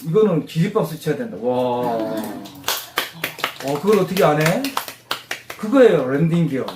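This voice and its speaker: Animated man teaching vocabulary in class. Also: a little high, normal speed, background noise. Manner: animated, quizzes the class, drills repetition. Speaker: pharmacist teaching English vocabulary. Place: classroom with a group of mothers. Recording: roomy classroom echo.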